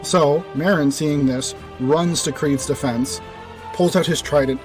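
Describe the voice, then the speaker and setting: A man's voice: fairly high pitch, unhurried, music in the background. A young man casually narrating a recap of his tabletop fantasy campaign, with loose phrasing full of "kind of" and "like".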